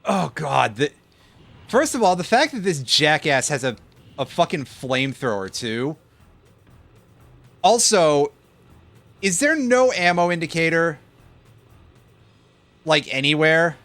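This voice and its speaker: A man's voice: a little high, very animated, a little slow, gravelly, long pauses, bright, forceful tone, faint music behind. A man giving casual let's play commentary, sarcastic and swearing as he complains about the game. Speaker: gaming commentator.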